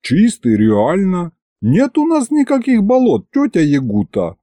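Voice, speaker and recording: A man's voice: high-pitched, wildly swooping pitch, measured pace, mellow, dry recording, pitched above the performer's own voice, exaggerated voice. A man voicing a cheeky male imp who talks gleefully in street slang.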